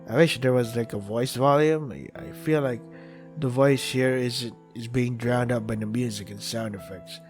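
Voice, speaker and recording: A man narrates a visual novel playthrough in a medium-pitched voice. He dramatizes the lines he reads and slips into casual, joking commentary. Game music plays behind him. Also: moderate pace, darkish tone. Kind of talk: reading game text aloud with casual asides.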